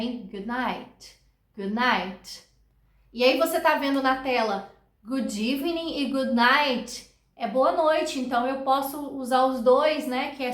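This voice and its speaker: A woman's voice: high-pitched, fairly bright tone, roomy sound. A Brazilian woman with Portuguese as her first language, giving an upbeat online English lesson and modelling phrases for students to repeat. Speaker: English teacher.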